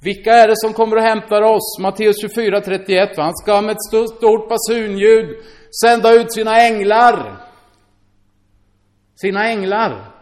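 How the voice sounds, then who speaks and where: A man preaching a sermon, reading scripture aloud and commenting on it in a chatty way, often asking his listeners "va?". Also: high-pitched. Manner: lively, swings from loud exclamations to hushed asides.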